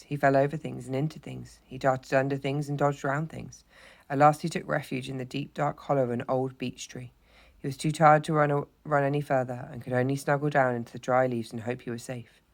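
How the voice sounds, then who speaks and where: Storyteller reading a chapter book to a class, steady and expressive. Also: mid-range voice.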